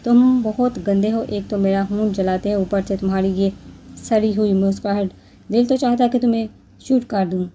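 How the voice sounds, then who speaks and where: Woman reading as a proud angry young wife, slow clipped emphasis, dark mellow tone, storybook reading. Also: medium pitch, level tone, slight background noise, lightly acted. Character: fiery young woman, proud and quick-tempered.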